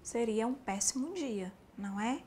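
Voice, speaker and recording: A woman teaching a sign language class, explaining each sign slowly and speaking straight to the learner. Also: on the high side, animated, dark tone, a little hiss or hum. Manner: slow, explanatory, addressing the learner directly. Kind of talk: spoken instruction for a sign language lesson.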